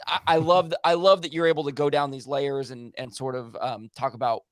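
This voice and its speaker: Man, podcast host, eager rambling chatter, mid-pitched, dry close sound. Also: steady tone, brisk, no room sound. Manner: enthusiastic, rambling. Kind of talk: casual podcast chat.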